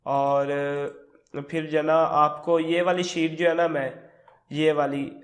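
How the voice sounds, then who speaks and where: A man with a sore throat walks through a screen tutorial one step at a time. His voice sits a little higher than usual, and his explaining stays relaxed and easy. He drops English words into his sentences as he goes. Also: slow pace. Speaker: tutorial host. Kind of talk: screen-recorded tutorial walkthrough.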